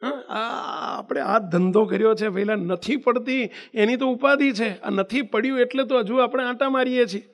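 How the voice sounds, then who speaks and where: Male preacher, unusually high pitch, storytelling sermon that is emphatic and pleading. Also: moderate pace, few pauses. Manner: emphatic, full of rhetorical questions and pleading repetition. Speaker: religious preacher.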